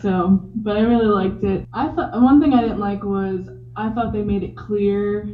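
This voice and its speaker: A woman's voice: mid-range voice, fairly even intonation, normal speed, slight background noise. Hesitant woman on a tinny, echoey line. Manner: hesitant, with many fillers. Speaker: podcast co-host. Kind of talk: casual podcast chat. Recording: tinny phone-like sound, roomy.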